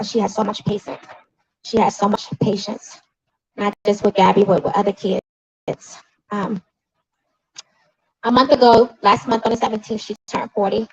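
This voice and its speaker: A woman's voice: medium pitch, slightly rough, dry recording. A woman in her forties speaking as a grieving sister at an outdoor rally in the rain, emotional and at times angrily accusing. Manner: emotional, rising to angry accusing outbursts. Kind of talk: impassioned protest speech. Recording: dull lo-fi recording.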